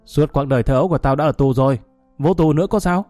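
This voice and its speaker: A man playing a cocky young thug who taunts and threatens in a theatrical way. His voice is dark and mellow, and it sounds dry and close. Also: on the high side, fast talker, no room sound, soft background music, close to an everyday voice. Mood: menacing, mocking. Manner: menacing, showy, theatrical. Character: swaggering young street thug with flowery speech.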